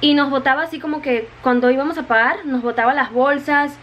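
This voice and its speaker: A woman's voice: high-pitched, fairly even intonation, a little fast, highs cut off, slight background noise. A woman in casual vlog talk, chatty and repeating her words, often calling her viewers "chicas", still wet from the rain. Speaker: vlogger. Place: her home in Japan.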